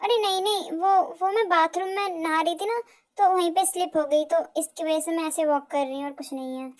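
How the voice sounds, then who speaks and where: A woman voicing a gentle, long-suffering young wife who speaks softly and soothingly, in an amateur fan audio drama. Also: very high voice, steady tone, fairly quick. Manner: soothing, soft, placating.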